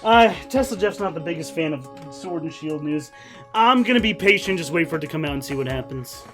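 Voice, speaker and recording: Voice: medium pitch, animated, a little fast, fairly bright tone. A streamer giving casual, sardonic, sweary commentary while playing and reading out a video game. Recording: game music behind the voice.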